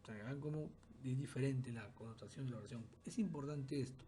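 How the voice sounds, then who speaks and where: A man delivers a recorded class lecture in a mid-pitched, warm and mellow voice. He explains step by step and now and then restarts a phrase. A faint hiss sits under the recording. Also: fairly quick.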